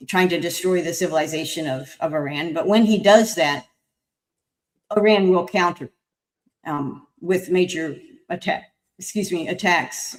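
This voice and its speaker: A woman guest on a panel show, explaining at length in a halting way while she has the hiccups. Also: lowish voice, rough recording. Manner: halting, lots of fillers and restarts. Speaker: guest commentator. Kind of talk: panel discussion.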